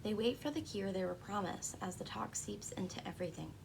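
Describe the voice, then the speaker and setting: A woman in a soft-spoken ASMR role-play as a librarian, talking in a hushed, gentle library voice with a creaky edge. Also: mid-range voice, lively intonation, fairly quick, noisy background.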